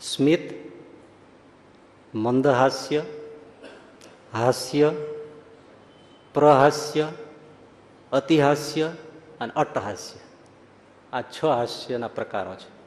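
A male swami giving a storytelling sermon, lively and acting out the people in his stories. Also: medium pitch, takes it slowly, long pauses. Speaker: swami preacher. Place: large hall at a religious school. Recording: echoey hall, faint background hum.

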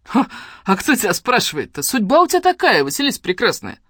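A reader voicing a rude, scolding old village woman who shouts coarse, bossy lines at a young woman. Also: mid-range voice, huge pitch swings, fast talker, no echo, clean studio sound, voice pushed up, full character voice.

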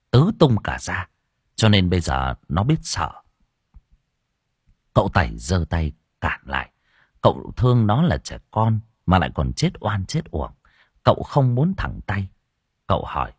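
A deep-voiced man narrates an audio horror story with a husky tone and lively, swinging intonation. His storytelling is dramatic and expressive, and the recording is dry and close, with no room sound. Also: no room sound.

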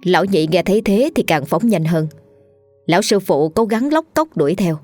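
A woman narrating a ghost story in a lively, dramatic way. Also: fairly low pitch, normal speed, no echo, soft background music.

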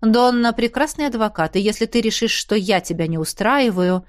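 A woman voicing a lively young lawyer wife who talks brightly and teases. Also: on the high side, no room sound, studio quality, natural voice. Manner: bright, teasing, quick to exclaim.

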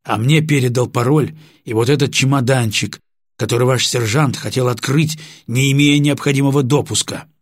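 A man voicing a stubborn, wounded male pilot captain in an audiobook, answering curtly in a husky voice. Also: medium pitch, steady tone, moderate pace, no echo, studio quality, natural voice. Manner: curt, clipped replies.

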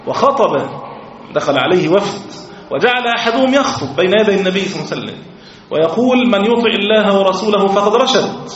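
A man's voice: sits high, a bit bright, a little hiss or hum. A man with an Egyptian accent, teaching a religious lesson on a creed book as a sheikh, explaining and stressing points with emphasis. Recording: roomy, distant, dull lo-fi recording.

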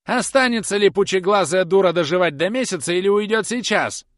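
A man reading an audiobook aloud, voicing a vindictive, croaking old woman housekeeper who screeches her spite. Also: fairly high pitch, very animated, a little fast, a bit bright, no room sound, studio quality, voice pushed up. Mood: screeching. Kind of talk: audiobook character voice.

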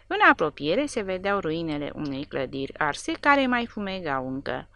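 Low-voiced woman reading a war novel. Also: creaky, no room sound. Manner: expressive, dramatic reading. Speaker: audiobook narrator.

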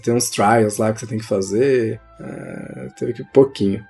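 A man's voice: fairly low pitch, steady tone, measured pace, vocal fry, mellow. A young man with a Brazilian Portuguese accent, chatting casually and telling stories about video games in slangy, informal speech. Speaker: gaming podcast host. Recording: music playing behind the voice. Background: background music.

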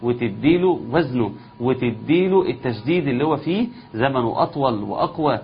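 A man with an Egyptian Arabic accent teaching tajweed. He explains the rules quickly in a conversational way and slows down to chant the verses. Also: mid-range voice, animated, highs cut off, a little hiss or hum. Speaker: Quran recitation teacher. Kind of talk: tajweed lesson with chanted recitation.

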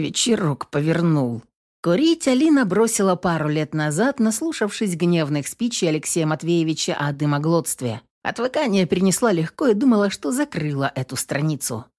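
Lively woman narrating a novel. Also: lowish voice. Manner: expressive storytelling, acting each character. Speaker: audiobook narrator. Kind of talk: scripted narration.

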